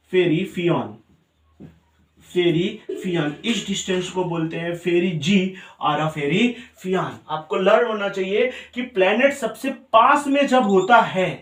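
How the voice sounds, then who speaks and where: A man's voice: high voice, fairly bright tone. A man teaching a physics lesson, repeating each point and quizzing his students. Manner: mixes Hindi with English terms. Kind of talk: classroom lecture. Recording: roomy sound, mic set far off.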